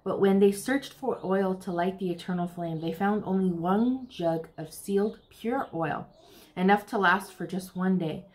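In this clip, an American woman of about thirty hosts a children's storytime, reading a picture book aloud with lots of expression. She speaks to young listeners at a medium pitch and a measured pace.

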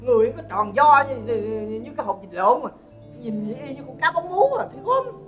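A woman's voice: on the high side, very animated, fairly quick, muffled recording, soft background music. A woman playing a fussy middle-aged mother, who scolds and complains in a comedy sketch. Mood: scolding.

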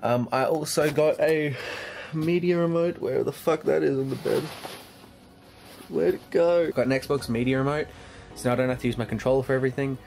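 A man's voice: mid-range voice, a little fast, creaky, a little mellow. Tired young man rambling in a vlog. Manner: rambling, casual, swears freely. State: tired, drained voice. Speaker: channel host. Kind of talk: casual vlog chat. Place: bedroom.

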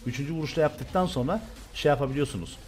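A young man from Turkey commentating loudly and excitedly on his own gameplay, swearing and shouting at the game. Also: fairly high pitch, racing. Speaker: gaming streamer.

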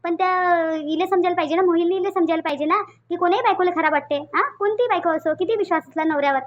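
A woman's voice: very high voice, fast talker, muffled recording. A woman voicing a caring, worried elder sister-in-law who coaxes and reasons, with a Varhadi Marathi accent. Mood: coaxing. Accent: Vidarbha Marathi (Varhadi). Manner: coaxing, worried. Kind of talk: cartoon voice acting.

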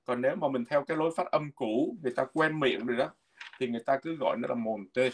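A man teaching a language lesson from a textbook, patiently repeating words slowly so learners can follow. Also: medium pitch, breathy edge.

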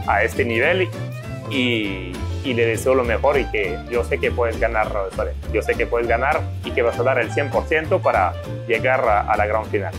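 A man in his forties speaking haltingly and proudly about his daughter in an interview. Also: medium pitch. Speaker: contestant's father.

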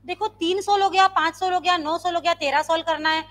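Woman teaching sanskrit online, really high voice, sharp bright tone, keeps asking the kids questions. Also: steady tone, fast talker. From India. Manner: quizzing students with repeated questions, demonstrating loud and soft sounds. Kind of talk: live online grammar class.

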